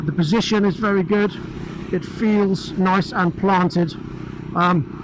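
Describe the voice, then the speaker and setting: A British man with a fairly high voice talks through a helmet mic as he rides, keeping up a chatty, enthusiastic running commentary. Engine rumble and wind noise sit clearly under his voice. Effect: speaking through a helmet mic while riding. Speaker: motorcycle reviewer. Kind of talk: riding commentary. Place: on a motorbike on open roads. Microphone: helmet-mounted mic.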